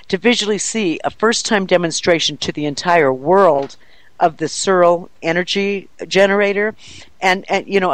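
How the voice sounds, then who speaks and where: A woman who organizes paranormal events, telling an excited story in an interview, animated and laughing often. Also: fairly low pitch, no echo, poor audio.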